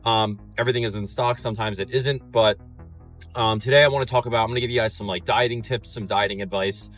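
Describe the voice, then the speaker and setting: This fitness vlogger is a young college guy, slightly winded from the treadmill, rambling through a casual vlog chat with plenty of likes and ums. He speaks quickly in a lowish, fairly bright voice that stays steady. Soft music plays in the background.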